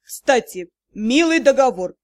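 A woman reading an audiobook, voicing a furious male dark-lord magister in a hoarse, menacing voice. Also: on the low side, moderate pace, no echo, pitched below the performer's own voice, natural voice. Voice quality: hoarse, growling. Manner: threatening, icy, commanding. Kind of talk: audiobook character voice.

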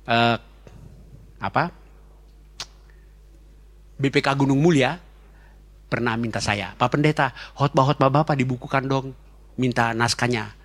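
Fast-talking joking male pastor. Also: medium pitch, a bit bright. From Indonesia. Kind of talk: sermon.

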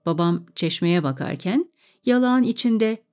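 A woman narrates a story in a calm, measured reading voice. Her tone is low and warm. Soft music plays faintly behind her.

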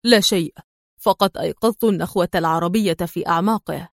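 Woman reader playing a male agent, stern, clipped, low-pitched, dry sound. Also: fast, gravelly, a bit bright, dry recording. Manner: curt, firm and dry.

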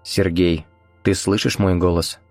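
A man playing a calm male hypnotist in a horror audiobook, who asks coaxing, guiding questions. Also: low voice, measured pace, no echo, soft background music.

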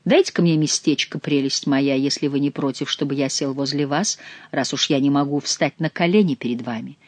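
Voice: mid-range voice, fairly quick, no room sound, natural voice. A reader voicing an amorous, gallant young king who talks tenderly and effusively to his beloved.

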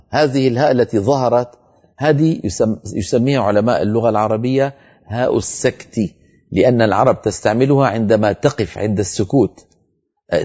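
A man teaching Quran recitation on a televised lesson, explaining rules and then chanting verses slowly and drawn out. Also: mid-range voice, dark tone, slightly rough, dull audio.

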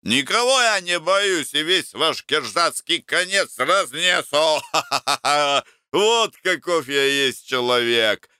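A man doing a loud drunken braggart. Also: a little high, expressive, slow, smooth, no room sound, clean studio sound, pitched above the performer's own voice, heavily acted. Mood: drunk bragging. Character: drunk boastful village man, loud, swaggering.

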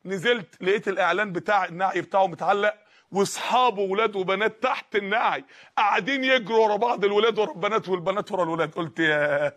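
A man with an Egyptian accent preaching an emotional sermon, rising to shouts and dropping to hushed pleas. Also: high-pitched, very fast. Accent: Egyptian Arabic. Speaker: Islamic preacher.

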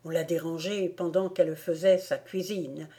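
A woman reading a storybook aloud as a volunteer audiobook narrator, in a calm, measured manner. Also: fairly low pitch. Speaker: audiobook reader.

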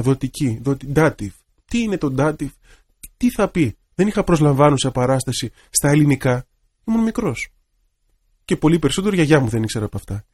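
A man, an Orthodox priest, giving a radio sermon in a gentle, reflective storytelling manner. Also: mid-range voice.

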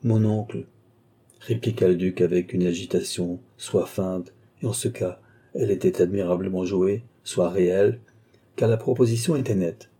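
Dark, husky male audiobook narrator. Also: low-pitched, steady tone, moderate pace. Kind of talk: scripted narration of a classic novel.

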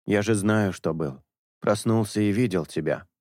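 A man voicing a patient young priest in an audiobook, coaxing and reasoning in a low voice. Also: moderate pace, a little mellow, no echo, studio quality, natural voice. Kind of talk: audiobook character dialogue.

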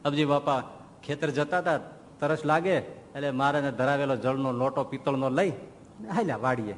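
A man, a monk giving a sermon in folksy, animated storytelling. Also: mid-range voice, normal speed, a little hiss or hum. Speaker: monk preacher. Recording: long hall reverb.

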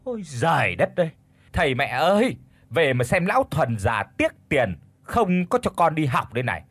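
A shrill, bossy old village wife who nags and scolds , played by a male storyteller. Husky and lively, recorded dry and close. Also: moderate pace, no echo. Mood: wailing. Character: shrewish old wife of a rich villager, loud and pushy.

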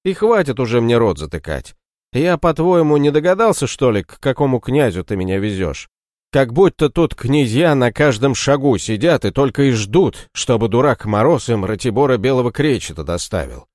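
A man's voice: mid-range voice, sing-song, normal speed, a little mellow, no room sound, studio quality, pitched above the performer's own voice, natural voice. A man voicing a sly, mocking male captive healer who taunts his captors in an audiobook story. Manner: taunting, scornful.

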